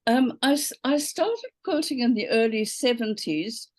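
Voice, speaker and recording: A woman's voice: a little high, animated, unhurried, darkish tone. A woman in her seventies with a South African accent, talking as a guest on a video call. She tells stories in a chatty way and often stops to check in with an "okay?" The sound is dry and close, with no room echo. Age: 70s. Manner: chatty storyteller, frequent ums and okays. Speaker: quilting teacher, guest. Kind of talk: casual interview chat.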